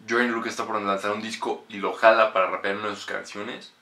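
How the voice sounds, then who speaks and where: Talking fast in a fairly low, bright, forceful voice with flat delivery, a Mexican-accented man in his twenties gives an informal music reaction full of slang and cursing. Spanish is his first language, and the small bedroom he's in echoes, with faint music behind him.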